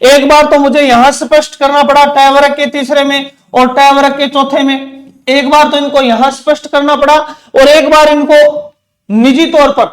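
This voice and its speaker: A man's voice: extremely high pitch, little pitch movement. A man teaching an exam-prep grammar lesson, repeating key terms and asking questions back to his students. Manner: says terms slowly, one by one.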